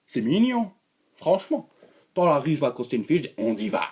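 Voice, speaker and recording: Husky man ranting in erratic bursts. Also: very animated, quick pace. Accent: put-on regional accent he keeps dropping. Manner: erratic, swings from loud outbursts to low mutters, crude. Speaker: comedy vlogger. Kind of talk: absurd comic monologue.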